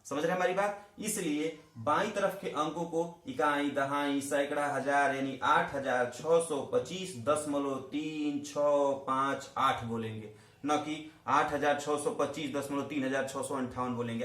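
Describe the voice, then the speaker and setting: A man's voice: on the high side, a bit bright. A man from India teaching a math lesson, asking questions and answering them himself, talking straight to his students. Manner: addresses students directly, repeats key terms. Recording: echoey room.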